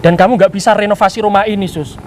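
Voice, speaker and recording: A man's voice: high voice, fairly even intonation, fast talker, background noise, lightly acted. A man playing a hurt, pleading husband. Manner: reproachful, pleading. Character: wronged husband feigning blindness, pleading and indignant. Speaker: husband back from working abroad. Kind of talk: amateur skit acting.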